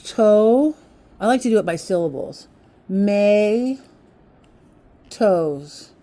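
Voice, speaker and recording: A woman teaching a children's phonics lesson, slowly sounding out letters and syllables in an encouraging way. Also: medium pitch, expressive, warm tone. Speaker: kindergarten teacher.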